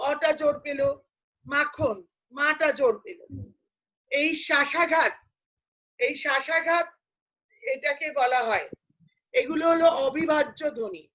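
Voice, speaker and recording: A woman's voice: sits high, a bit bright, rough recording. A woman teacher explaining grammar to students, patiently asking questions and answering them herself. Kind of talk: online class lecture.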